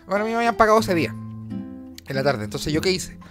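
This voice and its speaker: A man's voice: high voice, sing-song, fast talker. A young Chilean man telling a long story in casual chat, rambling and slangy, swearing and acting out voices. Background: guitar music.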